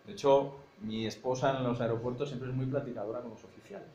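A man's voice: medium pitch, fairly even intonation, fast talker, mellow, roomy sound, muffled recording. A man from Madrid with a Spanish accent, a university teacher giving a seminar lecture, who explains step by step and keeps checking that the class follows him. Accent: Spanish from Spain, Madrid. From Spain (Madrid). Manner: explanatory, thinks aloud, checks understanding with frequent "¿no?".

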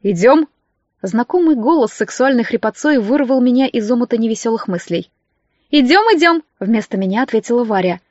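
A woman narrating an audiobook, switching into lively character voices for the dialogue. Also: fairly high pitch, quick pace, hardly any pauses, no room sound, dull audio.

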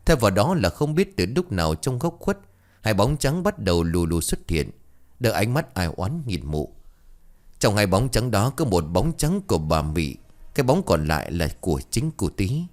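A man narrating a ghost story in a dramatic, expressive way. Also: on the low side, moderate pace.

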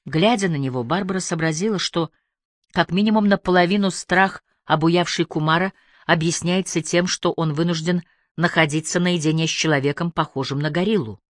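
Expressive woman audiobook narrator. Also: fairly low pitch, a little fast, dry recording, clean studio sound. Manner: clear, expressive reading. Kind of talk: scripted narration.

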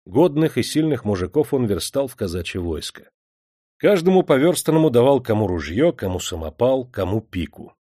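A man reading an audiobook in a measured, dramatic storytelling manner. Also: medium pitch, mellow, no echo, studio quality. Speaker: audiobook narrator. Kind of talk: scripted narration.

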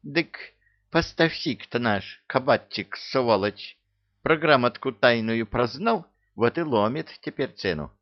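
A man's voice: mid-range voice, lively intonation, takes it slowly, dull audio, voice pushed up. A man voicing a crafty, folksy male servant who talks in a wheedling way.

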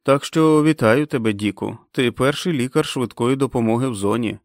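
A man playing a calm, kindly doctor who speaks in a measured, reassuring way. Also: mid-range voice, dry recording, studio quality, lightly acted.

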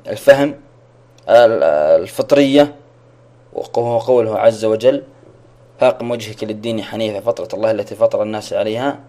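A man's voice: lowish voice, steady tone, fairly quick, dark tone. A man teaching a religious lesson online, asking questions, repeating them and praising his students' answers.

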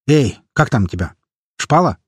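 A man's voice: medium pitch, sing-song, measured pace, husky, dry recording, studio quality. A man voicing a coarse, brutish male gang boss who barks orders and swears crudely. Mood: gruff, bossy.

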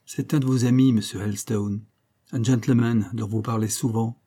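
Casting : contremaître posé et malicieux, joué par un homme, voix feutrée. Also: male voice, lowish voice, moderate pace, natural voice. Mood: sly. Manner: calm, sly. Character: calm sly male mill foreman.

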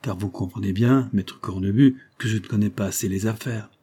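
A man reading aloud, voicing a girl of nearly twelve who speaks calmly, seriously and with odd formality, in a dark, husky voice. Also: on the low side, moderate pace. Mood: grave. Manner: calm, serious, oddly formal for a child.

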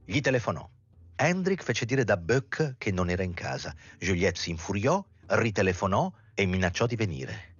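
A man reading a novel aloud in a measured, dramatic storytelling manner with a husky voice. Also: lowish voice, big pitch swings, dry recording, highs cut off. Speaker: reader. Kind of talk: literary audiobook reading.

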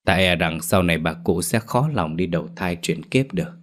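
A man's voice: low voice, normal speed, lightly acted. A man voicing a sly, self-important old male shaman who drawls with hesitant ums. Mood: grave. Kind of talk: storybook character voice.

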